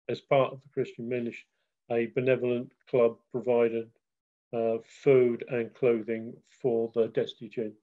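A man presents a history slideshow over a video call, his audio dull and lo-fi. He speaks in a flat, even tone at a middling pitch, pausing often with uh as he moves through the pictures. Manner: steady, with frequent uh fillers. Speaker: guest presenter.

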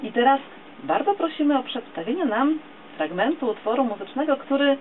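A woman's voice: high-pitched, expressive, a little fast. A woman hosting a radio interview in a small studio, asking questions of a guest. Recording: dull lo-fi camera recording, clear noise.

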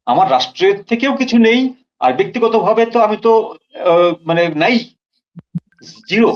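A man, a guest commentator, speaks gravely and with emphasis on a remote call line that echoes. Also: sits high, big pitch swings, moderate pace. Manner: grave, emphatic, repeats for stress. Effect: echo on his remote call line. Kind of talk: talk-show political commentary. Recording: dull lo-fi remote call with echo.

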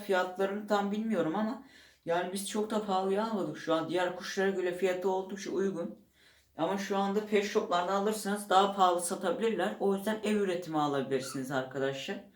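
A man casually explaining how to keep a pet bird at home, rambling and stopping to search for words. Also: high-pitched. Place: room at home beside a bird cage. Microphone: handheld camera set up nearby. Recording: echoey room.

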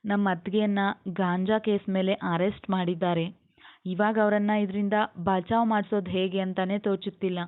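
A woman's voice: medium pitch, level tone, normal speed, close to an everyday voice. A woman voicing a tearful, hesitant young woman who speaks anxiously. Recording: tinny phone-like sound.

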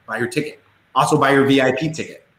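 Brief: male guest, mid-range voice, lively storyteller who swears, echoey room. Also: mid-range voice, quick pace. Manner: animated storyteller, swears casually. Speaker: guest entrepreneur. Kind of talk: casual podcast interview. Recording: roomy echo.

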